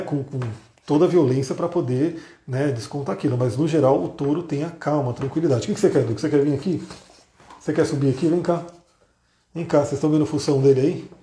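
A man's voice: fairly high pitch, mellow, roomy sound. A man hosting a casual live stream as an astrologer, explaining things patiently and often adding tag questions to check in with listeners.

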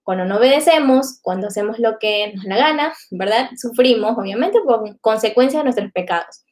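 A woman's voice: a little high, animated, brisk. A woman giving a reflective live faith talk to viewers, often tagging her sentences with "¿no?". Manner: reflective, many filler tags like "¿no?".

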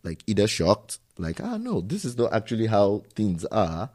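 A man's voice: lowish voice, huge pitch swings, moderate pace, a little mellow. A man who immigrated to Germany hosting an interview and asking long, rambling questions with frequent restarts. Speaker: podcast host. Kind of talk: casual interview.

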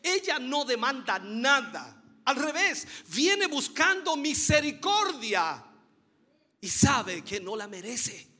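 A man with a very high, bright and ringing voice preaches a sermon with fervor, his pitch swinging widely as he stresses each point. He builds repeated phrases toward a climax and calls his listeners dear brother. His voice trails into a long hall reverb. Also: big pitch swings, takes it slowly. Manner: fervent, emphatic preaching with rising repeated phrases.

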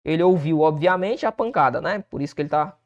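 A man's voice: a little high, expressive, fast, dull audio. A Brazilian man teaching Portuguese for an exam, working through test questions and answering his own rhetorical questions. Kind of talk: exam-prep lesson walking through questions.

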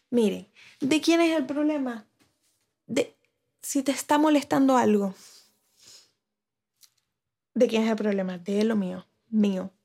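A woman's voice: fairly high pitch, a little mellow. A woman vlogger talking casually to camera, giving relationship advice with rhetorical questions and frequent restarts. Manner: chatty, asks viewers rhetorical questions.

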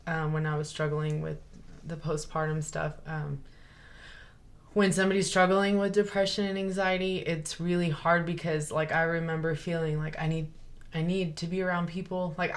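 A woman's voice: low voice, fairly bright tone. A young woman, talking earnestly and rambling with many fillers and restarts in a casual chat. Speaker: guest sharing her story.

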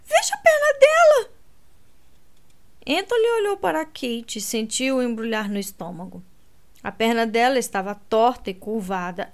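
Woman narrating a romance audiobook. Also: on the high side.

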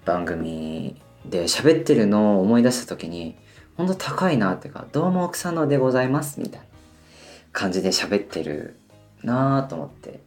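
A man in his twenties, a band member, rambling through a solo radio talk full of hesitant fillers while deliberately pushing his voice higher than usual. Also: very animated, a little mellow, soft background music. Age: 20s. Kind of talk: casual solo radio monologue.

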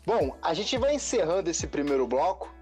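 A man's voice: a little high, very animated, moderate pace, a little mellow, faint music behind. A man with a Carioca accent hosting a podcast, chatting casually and easing into personal anecdotes. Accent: Carioca Portuguese. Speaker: podcast host.

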